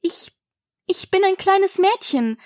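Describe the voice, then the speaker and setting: A woman's voice: sits high, lively intonation, measured pace, pitched above the performer's own voice. A woman voicing an earnest, bewildered little girl in a storybook reading, protesting and earnest.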